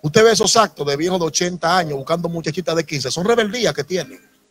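Soft instrumental music fills the sanctuary as a Dominican pastor in his thirties preaches into a handheld mic. His voice sits high and he talks quickly and expressively, pushing toward rising emphasis and throwing in remarks to the congregation.

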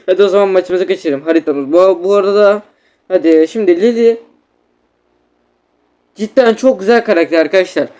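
A man giving excitable gameplay commentary as a gaming YouTuber, repeating words and constantly addressing his viewers. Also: high-pitched, clean tone.

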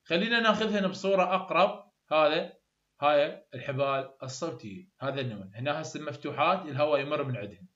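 Tutor, male, Iraqi Arabic accent, patient step-by-step explainer, fairly high voice, roomy lo-fi recording. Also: animated, quick pace, fairly bright tone. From Iraq. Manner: explains step by step, repeats terms for learners. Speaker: English phonetics tutor. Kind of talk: recorded online lecture. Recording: echoey room, dull lo-fi sound.

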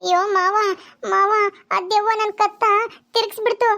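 A woman's voice: very high-pitched, steady tone, normal speed, gravelly, pushed and bright, lo-fi sound, heavily acted. A woman playing a cowardly daughter-in-law who wails and pleads in panic in a comic skit. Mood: wailing.

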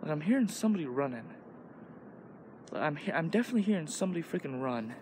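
A man's voice: fairly high pitch, big pitch swings, quick pace, darkish tone. Rambling teenage boy on a noisy walk. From Illinois, USA. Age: teens. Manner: rambling, crude, loose talk with lots of "like". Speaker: vlogger. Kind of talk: casual walking vlog. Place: outdoors in woods. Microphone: phone camera held while walking. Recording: noisy outdoor phone recording.

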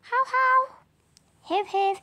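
Excitable small dog, high yapping barks, voiced by a woman, game role-play. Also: very slow, recorded from a distance, full character voice. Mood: yappy. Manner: high yappy barking. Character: excitable little pet dog barking.

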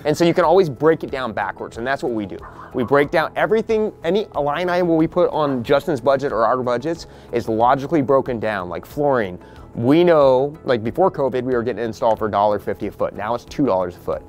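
Soft background music sits under a medium-pitched, darkish male voice with lively intonation. He is a real estate investor on the porch of a house he's flipping, giving a group a casual, no-nonsense walkthrough and quoting people in quick asides.

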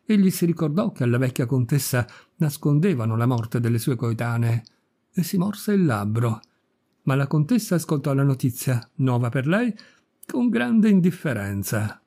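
A man reading a classic story aloud as narrator, measured and unhurried. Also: mid-range voice, animated, warm tone. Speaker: audiobook narrator. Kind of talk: scripted literary narration.

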